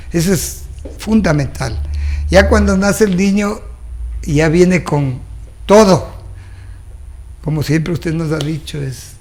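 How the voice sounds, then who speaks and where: A man's voice: fairly high pitch, darkish tone. A middle-aged man, a guest doctor on a TV interview, explaining in an earnest, didactic way and laying out his points one by one.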